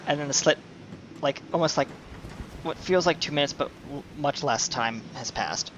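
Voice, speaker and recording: A man running a tabletop game, narrating scenes in a halting, conversational way as he improvises. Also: fairly high pitch, fairly bright tone, muffled recording, a little hiss or hum. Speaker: game master.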